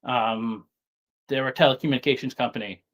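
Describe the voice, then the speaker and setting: A Staten Island man with a softened New York accent appears as a guest investor in an interview, talking casually. His voice is medium-pitched and steady in tone, but he halts often and repeats words as he restarts.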